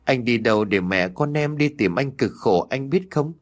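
A man's voice: mid-range voice, lively intonation, moderate pace, natural voice. A man voicing a young village woman who has been abandoned, speaking in a sobbing, pleading way in a spoken ghost story. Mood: tearful, reproachful. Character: young village woman, tearful jilted lover.

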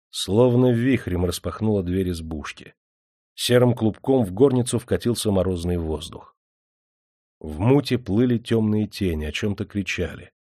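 A man narrating an audiobook in a steady, even storytelling manner. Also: fairly low pitch, no echo, studio quality. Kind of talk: scripted narration.

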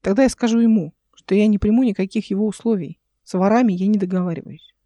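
A woman's voice: mid-range voice, fast talker, mellow, no room sound, lightly acted. A woman voicing a stern captive noblewoman who speaks curtly and commandingly. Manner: curt, commanding. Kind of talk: audiobook character voice.

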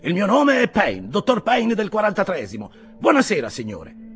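A man voicing an irascible army doctor who blusters and shouts threats in a raised, lively voice. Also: high voice, a little fast, faint music behind, pitched above the performer's own voice. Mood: blustering.

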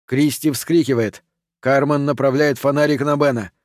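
A man narrating a horror audiobook in an even, steady reading voice. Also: medium pitch, moderate pace, dry recording, studio quality.

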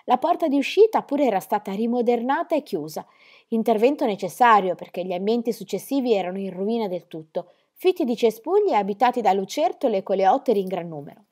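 A woman reading a children's novel aloud with expressive storytelling. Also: fairly high pitch, fast talker. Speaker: reader.

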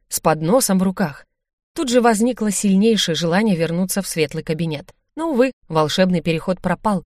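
A woman narrating a fantasy audiobook in first person with lively, expressive delivery. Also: mid-range voice, no echo, clean studio sound.

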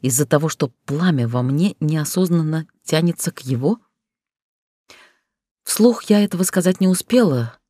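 A first-person audiobook narrator with a wry, conversational delivery. The voice sits in a middle pitch. The recording is dry and close. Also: expressive, moderate pace, warm tone, no room sound. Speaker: audiobook reader.

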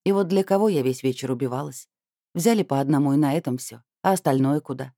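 A woman's voice: a bass voice, fast, dark tone, dry recording, studio quality. A woman narrating a first-person novel in a wry, conversational storytelling manner. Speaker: audiobook narrator.

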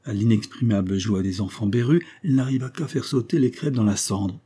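Guy reading an old novel, dark mellow voice, slow and measured. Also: on the low side, husky. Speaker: audiobook reader.

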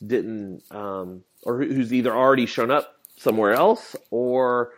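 A man's voice: mid-range voice, measured pace. A man co-hosting a casual comics news podcast, mostly giving short agreeing replies. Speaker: podcast co-host.

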